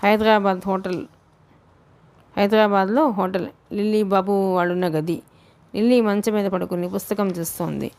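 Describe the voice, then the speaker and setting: A woman narrating a novel for an audiobook and voicing all of its characters, reading at an even pace with small slips that she corrects as she goes. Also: mid-range voice, normal speed.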